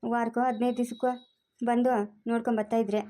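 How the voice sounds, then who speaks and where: A woman with a rural Karnataka Kannada accent talks fast in a fairly high voice. She scolds and coaxes in plain everyday speech, as in an acted family drama. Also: little pitch movement, warm tone. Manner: quick, scolding and coaxing colloquial talk.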